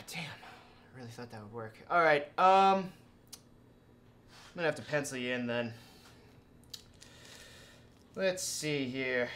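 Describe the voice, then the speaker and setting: A man's voice: on the high side, slight background noise. A young man playing a plumber in a comedy sketch, talking matter-of-factly on the phone in a small office. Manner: matter-of-fact, with loud shouting outbursts. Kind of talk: deadpan comedy sketch acting.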